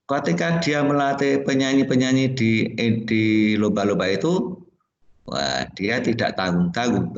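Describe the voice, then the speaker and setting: A man's voice: on the low side, a little hiss or hum. A male music teacher from Indonesia giving a classroom lesson, explaining plainly, sometimes singing solfège notes and asking the class questions. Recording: dull echoey classroom recording.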